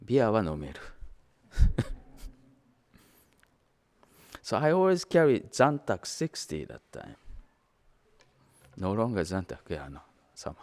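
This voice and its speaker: Slow-paced Japanese minister man. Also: on the low side, wildly swooping pitch, a little mellow. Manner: mixes Japanese and English, anecdotal. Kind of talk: sermon storytelling.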